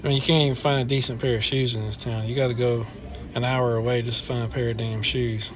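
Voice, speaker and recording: A man's voice: mid-range voice, level tone, fast, background noise. A middle-aged man walking through an indoor shopping mall with a handheld phone, complaining bluntly as he films. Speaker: vlogger. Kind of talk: walking mall tour vlog.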